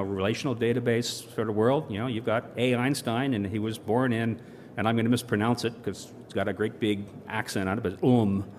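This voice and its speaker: A man giving a conference presentation, rambling with many fillers and restarts and dry asides. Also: medium pitch. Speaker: corporate presenter. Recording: long hall reverb, faint noise.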